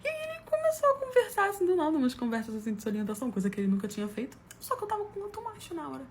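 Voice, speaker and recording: A woman from Brazil rattles off funny personal anecdotes in a high-sitting, rapid-fire voice, slight noise in the background. She acts out quoted dialogue, laughs at her own stories, and keeps the tone casual and animated.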